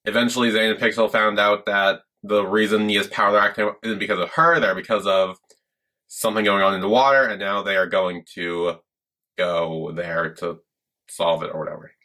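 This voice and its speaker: A man's voice: on the low side, steady tone, normal speed, sharp tone. A young man hosting a reaction video, commenting casually. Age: young adult. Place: small indoor room.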